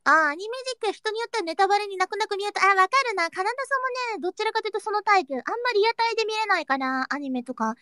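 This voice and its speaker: Playful young woman streamer, high and bright, close dry mic, chatty with sudden whispers. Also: lively intonation, rapid-fire, hardly any pauses, no room sound. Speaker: streamer reading chat. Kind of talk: casual livestream chat.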